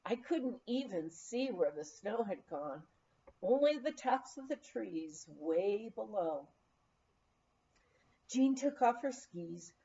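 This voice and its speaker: A woman reads a memoir aloud as an audiobook narrator, unhurried and measured yet expressive. Her voice is mellow and soft-edged, pitched slightly high, and the recording sounds a little dull.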